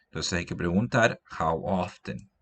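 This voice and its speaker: A man's voice: deep voice, measured pace. A man giving a grammar lesson, patiently repeating example sentences. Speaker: English teacher. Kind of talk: grammar lesson explained in Spanish.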